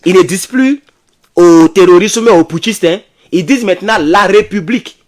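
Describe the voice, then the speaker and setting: A man giving excitable political commentary to his viewers, calling them comrades and asking them questions. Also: high voice. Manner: reads English then translates haltingly.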